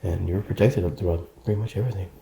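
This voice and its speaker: A man's voice: low voice, fairly even intonation, very fast, creaky, warm tone, soft background music. A man guest on a podcast, telling a story in casual slangy chat and laughing along. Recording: echoey room.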